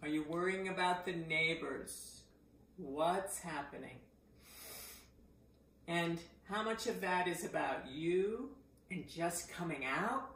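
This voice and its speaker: A middle-aged woman teaching voice exercises. She breaks into loud vocal sounds to show each exercise. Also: on the low side, slow pace, slight background noise. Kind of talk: voice exercise lesson. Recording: echoey room.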